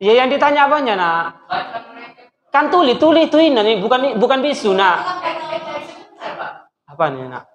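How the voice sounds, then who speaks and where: A male teacher giving a classroom lesson, lively and teasing, quizzing his students and mimicking their questions. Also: extremely high pitch, moderate pace, long pauses. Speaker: religious studies teacher. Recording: echoey classroom with faint noise.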